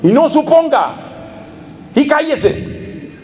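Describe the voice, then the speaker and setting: A pushy, dismissive young boyfriend with a Colombian Spanish accent, as a preacher puts him on. He sounds high and strained, cutting off every complaint with defensive retorts. It comes across as a mocking sketch in the middle of a sermon. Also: big pitch swings, slow, a little mellow, heavily acted. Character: selfish evasive young boyfriend.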